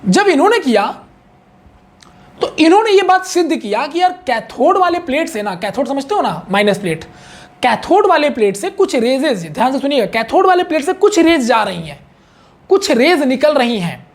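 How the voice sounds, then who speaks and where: A man's voice: very high voice, big pitch swings, moderate pace. A male chemistry teacher giving a casual online exam-prep lecture, chatty, repeating key points and checking in often with his students.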